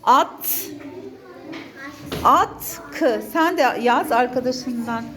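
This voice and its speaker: High-voiced woman slowly dictating to young pupils. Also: lively intonation. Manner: dictating, repeating words and single sounds; encouraging, addresses children with endearments. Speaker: primary school teacher. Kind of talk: classroom dictation lesson for young children.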